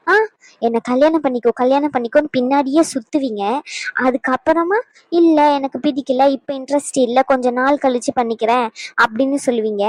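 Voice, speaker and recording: A woman voicing a stern, angry elder sister in an animated drama, who lectures and scolds sharply. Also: sits high, no room sound, natural voice, rough recording.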